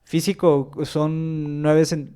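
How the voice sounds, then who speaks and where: Un hombre con acento mexicano, invitado y autor de cuentos, que habla con titubeos y muletillas en una charla casual. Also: male voice, on the high side, flat delivery, extremely slow, dark tone, clean tone. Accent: Mexican Spanish. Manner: hesitant, thinks aloud with fillers like este and o sea. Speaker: guest, short-story writer. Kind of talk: casual podcast conversation.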